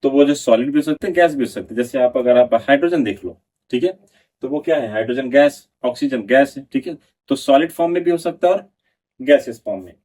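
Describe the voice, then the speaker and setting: Husky-voiced man teaching, slightly off-mic. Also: medium pitch, lively intonation, darkish tone, far from the mic. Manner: reads English notes slowly, then explains in Hindi; asks the class questions and answers them himself. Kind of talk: exam prep lecture.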